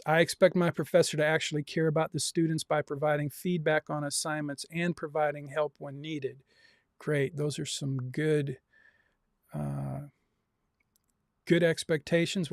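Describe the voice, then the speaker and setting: A man's voice: fairly high pitch, creaky, no echo, studio quality. A man teaching a livestreamed university class, reading out students' comments and coaxing more answers. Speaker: university professor.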